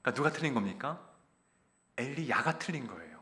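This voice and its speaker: A male pastor delivers an earnest sermon, speaking to his congregation directly with a lively, rising and falling pitch. His voice is bright and fairly high for a man. Long reverb from the church sanctuary trails every phrase. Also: fast. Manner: earnest exhortation, often addressing the congregation directly.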